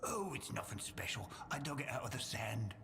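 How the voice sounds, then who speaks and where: An actor playing a humble, timid old undersea creature blacksmith in a video game, with a gruff, halting delivery. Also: male voice, mid-range voice, very animated, pushed and bright, a little hiss or hum, exaggerated voice. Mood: wistful explaining. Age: older. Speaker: blacksmith and trader character. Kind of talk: scripted video game dialogue.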